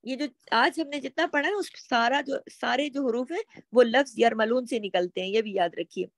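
A woman with a fairly high voice speaks at a normal pace in a dry recording. She teaches the rules of Quran recitation, drawing out example words before explaining them.

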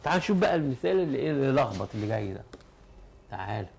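A man's voice: mid-range voice, sing-song, racing, vocal fry, darkish tone, slightly rough. A man with an Egyptian Arabic accent teaching chemistry, who explains step by step and asks and answers his own questions. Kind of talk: classroom lesson.

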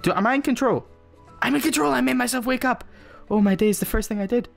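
A man giving excited let's play commentary, giggly and full of exclamations. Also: very high-pitched, fast talker, vocal fry, faint music behind.

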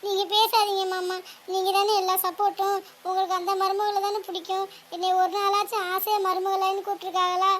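A woman's voice: very high-pitched, little pitch movement, fairly quick, a bit bright, a little hiss or hum. A woman voicing a jilted young woman in a cartoon family drama, whiny and reproachful. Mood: hurt. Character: jilted young woman, petulant would-be bride.

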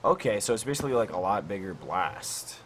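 Fairly low in pitch yet fairly bright, his voice is expressive and brisk, with slight background noise. The young gaming YouTuber is at home late at night giving casual let's-play commentary on a desk mic, rambling, questioning himself, and leaning on "like" and "I don't know."

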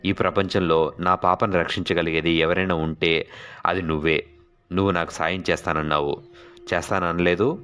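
Guy reading a desperate father, begging, deep low voice, storybook. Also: steady tone, moderate pace, a bit bright, clear, resonant tone. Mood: pleading. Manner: pleading, urgent. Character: desperate male engineer pleading for his daughter.

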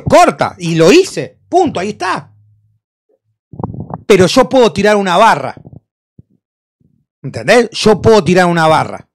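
A man in his thirties speaks with a Rioplatense Argentine accent. He rants in a streetwise, swearing way, and his pitch swings widely from low to high as he talks. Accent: Rioplatense Spanish. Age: 30s. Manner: animated, swearing, streetwise rant with acted quotes. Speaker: interview guest, freestyle rapper. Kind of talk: heated casual interview talk.

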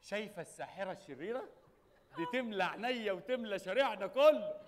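A man's voice: sits high, expressive, quick pace. A young Egyptian man playing a cheeky, wisecracking sailor in a stage comedy. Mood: teasing. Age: young adult. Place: large indoor theatre stage. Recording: echoey theatre stage, noisy.

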